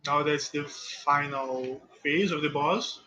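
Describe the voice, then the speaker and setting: Live-commentating his own speedrun, this man speaks halting English with a Portuguese accent, being a native Portuguese speaker, and frequently restarts mid-phrase. He sounds a little high, bright and forceful, captured with lo-fi sound.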